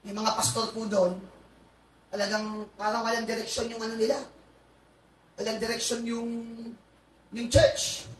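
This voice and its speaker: A man, a pastor, preaching a lively sermon with frequent hallelujahs and asides to his congregation. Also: high-pitched, moderate pace, pauses often. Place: church hall. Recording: echoey hall, far from mic, faint noise.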